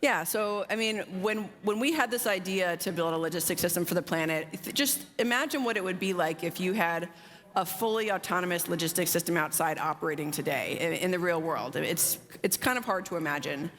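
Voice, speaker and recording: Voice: mid-range voice, brisk, a bit bright. A panelist with a mid-range voice talks fluently and upbeat, dropping casual fillers throughout. The voice carries a long reverb from a large conference hall. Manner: fluent, upbeat, many "you know" fillers. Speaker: drone logistics company founder, panelist.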